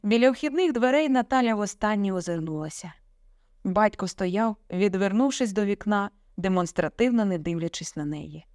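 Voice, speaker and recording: A woman reading a scripted family drama story as narrator, in an even, dramatic storytelling voice. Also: medium pitch, moderate pace, dry recording, studio quality.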